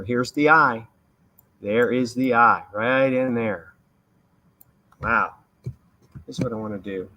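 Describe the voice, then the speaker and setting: A man's voice: medium pitch, a bit bright. A man giving live severe weather commentary as a livestream host, explaining emphatically and repeating key points. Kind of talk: live hurricane commentary over radar.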